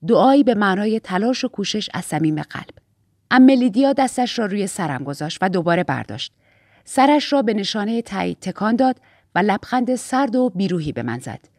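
A woman narrating a novel in the first person, calm and even. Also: medium pitch, no echo, clean studio sound. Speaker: audiobook narrator.

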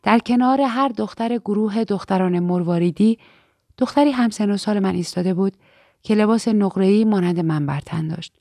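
A woman reads a novel aloud in the first person, calm and even. Her voice sits in a middle pitch. The close mic makes the sound dry, with no room echo. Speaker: audiobook narrator.

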